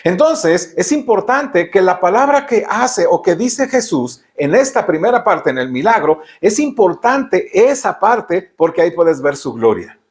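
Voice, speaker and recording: High-voiced Mexican preacher, emphatic. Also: male voice, big pitch swings, measured pace, few pauses. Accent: Mexican Spanish. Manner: emphatic preaching, frequent rhetorical questions to the congregation. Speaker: pastor. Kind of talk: sermon.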